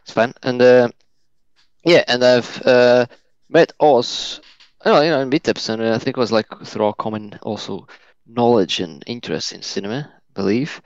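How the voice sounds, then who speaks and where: A Portuguese native from Portugal chats casually as a podcast guest, hesitating with many fillers and restarts. His medium-pitched voice moves at a moderate pace, recorded with a dull, lo-fi, dry sound and no room sound.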